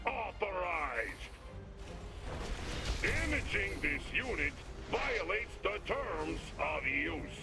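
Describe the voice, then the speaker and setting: An actor voicing a stern male security robot in a video game, with a robotic filter and clipped, flat announcements. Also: sits high, extremely slow, pauses often, loud music behind the voice, heavily acted.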